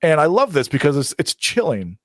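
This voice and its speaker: A man hosting a podcast, retelling film scenes in an animated, casual way, with many ums and you-knows. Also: a little high, a little fast, no room sound, clean studio sound. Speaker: podcast host.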